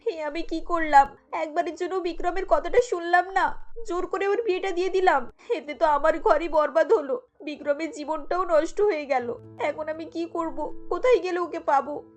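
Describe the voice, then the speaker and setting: A sorrowful young wife from a cartoon story, voiced by a woman. Her voice is soft and plaintive, and sits high. Faint music plays underneath. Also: normal speed. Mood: grieving.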